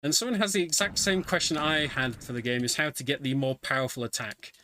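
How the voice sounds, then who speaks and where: A speedrunner offers live, explanatory commentary on his own video game play, a bit hesitant as he goes. His mid-range voice is brisk, bright and forceful, with a little hiss or hum, and game music plays behind him.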